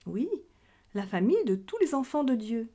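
Her warm, high-leaning voice swings widely in pitch while she talks at a normal speed. She's a catechism teacher giving a children's religion lesson through questions and answers, putting everything in simple terms for young ears.

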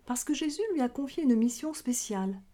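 This catechism teacher talks briskly in a warm, expressive voice pitched a little high. She runs a question-and-answer religion lesson for children, putting things simply for a young audience.

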